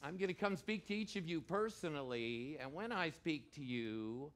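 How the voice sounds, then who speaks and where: A man working as a stage hypnotist in a live show, giving deliberate, commanding countdowns and repeated suggestions. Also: a little high, very noisy. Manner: shouts excited commands to start the action.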